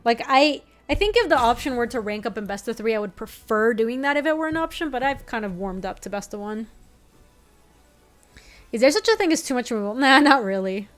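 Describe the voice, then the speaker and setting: Streaming a card game with soft music in the background, this young native Spanish speaker from Ecuador chats away, reading out her chat and reacting and laughing quickly. Her voice is on the high side and expressive.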